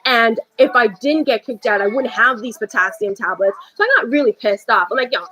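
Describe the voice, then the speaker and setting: A woman's voice: a little high, fairly quick, pushed and bright, slight background noise, low-quality recording. A young woman talking to camera in an unscripted personal monologue, rambling with many restarts and fillers. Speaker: vlogger.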